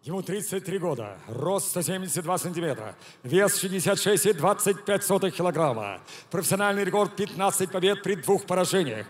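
A high-voiced older man with a Russian accent announces fights from the cage. He delivers brash promoter hype and stretches names into shouts. His handheld mic rings through the arena PA with long reverb. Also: animated, brisk, hardly any pauses. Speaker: ring announcer. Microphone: handheld microphone.

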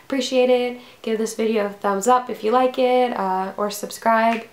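Young woman with a gravelly vlog voice. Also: fairly high pitch, fairly even intonation, moderate pace, echoey room. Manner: rambling, many "like" and "um" fillers. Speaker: vlogger. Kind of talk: casual vlog talk to camera.

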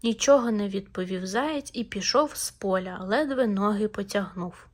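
A woman narrating a children's fairy tale audiobook in a lively, expressive storytelling manner. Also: medium pitch, moderate pace.

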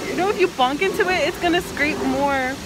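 Chatty young woman in her 20s talking thru a face mask, kinda high voice, bubbly convention vlog. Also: brisk, heavy background noise. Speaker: vlogger. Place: outdoors at a convention. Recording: loud music behind.

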